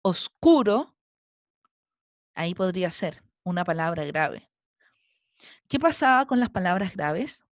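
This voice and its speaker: A woman's voice: fairly low pitch, animated, measured pace, dry recording, lo-fi sound. A woman teacher with a Chilean Spanish accent, giving a recorded lesson and patiently counting syllables aloud step by step. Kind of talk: recorded online class lesson.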